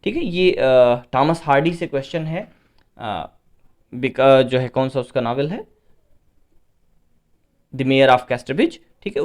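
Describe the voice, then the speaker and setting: A man with an Indian English accent who tutors English literature, working through exam questions. He reads each English question slowly, explains it in Hindi and often says "okay". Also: fairly high pitch. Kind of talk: exam paper solution lesson.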